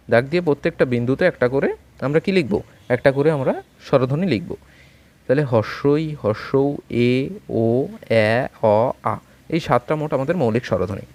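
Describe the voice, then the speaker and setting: A man teaching an online phonetics lesson from home with a Bengali accent, speaking slowly and patiently and repeating vowel sounds for learners to copy. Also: mid-range voice, darkish tone. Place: home during a storm.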